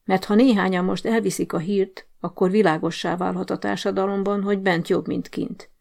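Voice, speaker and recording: A woman's voice: medium pitch, steady tone, creaky, a little mellow, natural voice. A woman voicing a bossy, scheming male prison sergeant-major who barks orders at a guard in an audiobook story. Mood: commanding. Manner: commanding, barking orders.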